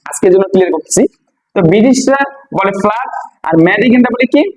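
A man's voice: high-pitched, fast talker, darkish tone, slight background noise, poor audio. A man from Bangladesh teaching a vocabulary lesson, repeating each word and quizzing his listeners with questions. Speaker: English teacher. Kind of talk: classroom-style vocabulary lesson.

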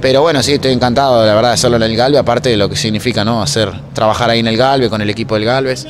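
Speaking very fast with a medium pitch and fairly even intonation, this Argentine-accented man in his twenties talks casually over music. He's an interview guest, a racing announcer and workshop mechanic, answering into a handheld mic held toward him inside a noisy block-walled racetrack room with clear background noise.

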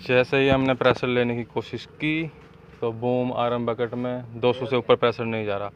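An excavator mechanic at an outdoor worksite walks through a hydraulic repair step by step, a hands-on demonstration, calling short commands to a helper. His mid-range voice keeps a fairly even intonation at normal speed. The recording is muffled, with a little hiss or hum.

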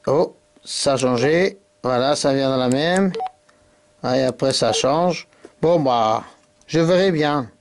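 A man's voice: medium pitch, slow. A man hosting an amateur demonstration video in a hesitant, informal way, recorded in a workshop on a camera mic. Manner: hesitant, informal, tag words. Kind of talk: casual hands-on demonstration. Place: cluttered indoor workshop.

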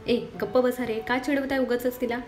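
Woman reading a warm-hearted mother, mildly scolding, storybook tone. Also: on the high side, flat delivery, normal speed, a little hiss or hum, natural voice. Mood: homely. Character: kindly middle-aged mother, gently scolding.

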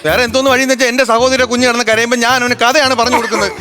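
A male comic performer with a very high-pitched, exaggerated delivery. Music plays under the scene throughout, as in a television comedy sketch. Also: level tone, rapid-fire. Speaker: comedian playing a new husband. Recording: television broadcast with music behind.

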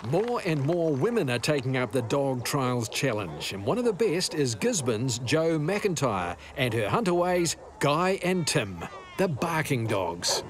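A man with a New Zealand accent reading scripted narration for a sports highlights programme. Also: big pitch swings, a little slow. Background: music.

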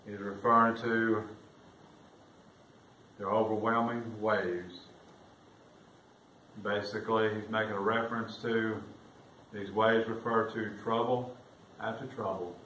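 A man's voice: little pitch movement, slow, pauses often, recorded from a distance. Man preaching in an echoey church. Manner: swells louder and higher when reading scripture aloud. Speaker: pastor. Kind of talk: sermon. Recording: roomy echo, voice off-mic, faint room noise.

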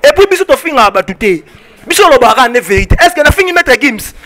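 Congolese man, 30s, fan spokesman, very high bright voice, emphatic French-Lingala, handheld mic, faint noise. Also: big pitch swings. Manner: emphatic, rapid French-Lingala mixing, repeats "on se comprend". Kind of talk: heated interview answers. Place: outdoor porch of a building. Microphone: handheld mic held by interviewer.

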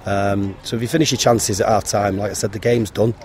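Man in his thirties, football manager, low even delivery, frank post-match talk into a handheld mic outdoors. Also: brisk. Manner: frank, plain-spoken, many ums and restarts. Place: outdoors beside a football pitch. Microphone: handheld interviewer mic held to him.

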